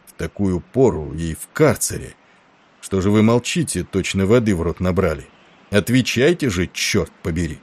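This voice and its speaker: Male reader as ailing older captain: low, dark, gruff, commanding and weary. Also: expressive, normal speed. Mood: stern.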